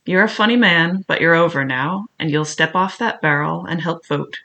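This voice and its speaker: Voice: medium pitch, normal speed, vocal fry, bright, forceful tone. A reader voicing a pushy male pirate who speaks curtly and challenges his captain. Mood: defiant. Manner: curt, challenging. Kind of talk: audiobook character reading.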